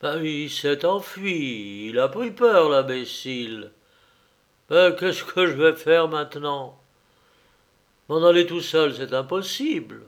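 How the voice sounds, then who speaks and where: A man's voice: fairly high pitch, lively intonation, slow pace. A man voicing a cowardly land surveyor in a storybook reading, blustering and fretful. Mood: anxious. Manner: anxious, fretful muttering.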